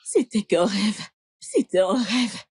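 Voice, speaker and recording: A woman's voice: mid-range voice, slow pace, darkish tone, breathy edge, heavily acted. A woman dubbing an anxious mother in a film drama, pressing with urgent questions. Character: anxious mother of an injured daughter.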